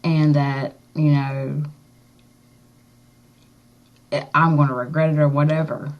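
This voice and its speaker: A woman chatting casually in a rambling, halting, matter-of-fact way, talking with a slightly swollen tongue. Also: low voice, flat delivery. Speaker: vlogger. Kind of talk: casual chat to camera, piercing update. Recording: dull, lo-fi recording.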